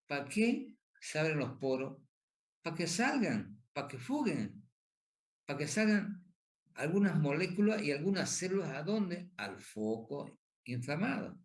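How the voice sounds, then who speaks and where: A man giving a lecture who asks questions and answers them himself, repeats key points and keeps checking in with tag questions. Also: a little high. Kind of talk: pathophysiology lecture.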